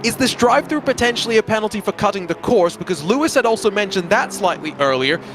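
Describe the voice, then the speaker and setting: A man's voice: high voice, animated, quick pace, background noise. A man giving live commentary on a racing event as part of a broadcast team. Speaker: motorsport commentator.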